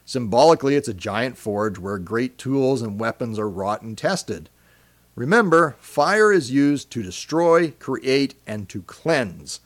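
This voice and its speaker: A man hosting a podcast, giving a reflective, measured commentary in a scripted style. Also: mid-range voice, animated, dry recording. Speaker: podcast host.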